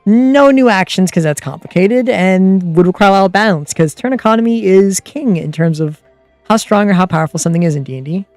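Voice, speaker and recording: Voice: medium pitch, fairly quick, darkish tone, no echo, soft background music. A streamer and game master of unclear sex chatting casually and explaining tabletop game rules in a rambling way.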